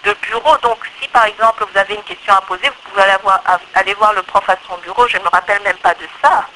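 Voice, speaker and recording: The audio is poor and slightly noisy as this Congolese-accented woman, in her thirties and from the Democratic Republic of the Congo, talks fast in a medium-pitched, pushed and bright voice. An electrical engineer and interview guest, she shares her views conversationally, repeating herself for emphasis.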